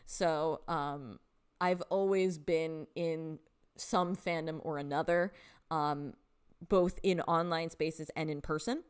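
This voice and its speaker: A woman's voice: sits low, fairly even intonation, slow, smooth. A young woman hosting a casual live stream, chatting with viewers, reading their comments aloud and laughing often, with lots of fillers. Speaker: livestream host.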